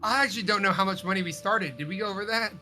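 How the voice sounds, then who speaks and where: A man's voice: high voice, very fast, pushed and bright, soft background music. A man playing a tabletop game, stammering and giggling between lines. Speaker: player. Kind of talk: casual tabletop game chat.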